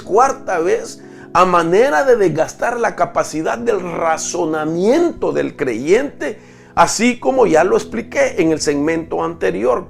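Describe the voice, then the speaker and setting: A man gives a sermon-style Bible teaching, explaining patiently and stopping now and then to ask himself how best to put it. His voice is gravelly and sits slightly high for a man. A soft guitar plays faintly underneath. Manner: explanatory, with restarts and rhetorical questions. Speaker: apostle preaching.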